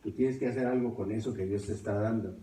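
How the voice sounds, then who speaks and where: A man telling his testimony as a preacher, swinging between loud and hushed as he tells it. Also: lowish voice, steady tone, fast. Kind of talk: testimony sermon. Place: church. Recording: echoey church from far off.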